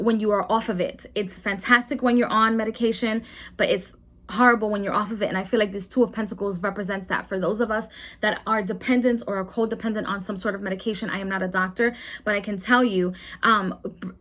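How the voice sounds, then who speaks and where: A woman's voice: medium pitch, fairly bright tone. Rambling woman giving a tarot reading. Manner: rambling, repeats herself, many ums and restarts. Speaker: tarot reader. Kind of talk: casual tarot reading vlog.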